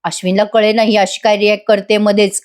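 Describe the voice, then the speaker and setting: A woman's voice: mid-range voice, level tone, brisk. A woman narrating a casual voice-over review of a TV serial, chatting directly with viewers.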